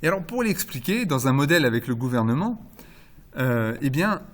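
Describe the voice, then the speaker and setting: Man, lecturer, mid-pitched voice, methodical explaining, hesitant fillers, slows on examples. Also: sing-song. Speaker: phonology lecturer. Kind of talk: recorded university lecture.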